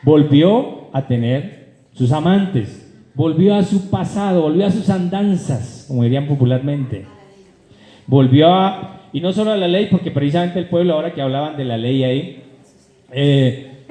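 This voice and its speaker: Animated preacher in an echoey church hall. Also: male voice. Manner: animated preaching, swings from loud high calls to low asides; addresses the congregation directly, asks rhetorical questions. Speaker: pastor. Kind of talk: sermon.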